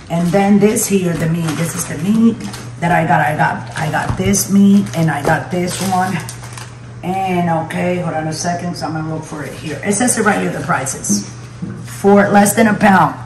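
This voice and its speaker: A middle-aged woman hosting a cooking channel, chatting casually through a grocery haul and rambling through prices with fillers. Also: lowish voice. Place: home kitchen room. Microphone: phone camera held by someone else. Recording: echoey room, camera at a distance, background noise.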